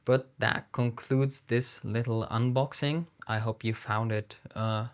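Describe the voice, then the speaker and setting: A man with a German accent giving casual unboxing commentary, thinking aloud in halting phrases as he handles gear. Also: mid-range voice, fairly even intonation, clean tone. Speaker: product reviewer.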